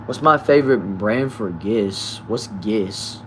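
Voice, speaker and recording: A nineteen-year-old man reading viewer comments aloud in a relaxed, chatty live stream, often trailing off quietly. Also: on the low side, takes it slowly, a little hiss or hum. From United States. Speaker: livestreamer.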